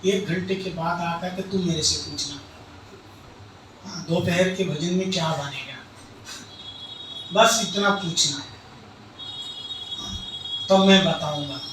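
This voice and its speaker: A man's voice: high-pitched, takes it slowly, pauses often, background noise, pitched below the performer's own voice. A man voicing a stingy old husband who plots in a coaxing, conspiratorial way, heard from a distant mic in an echoey hall. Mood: scheming.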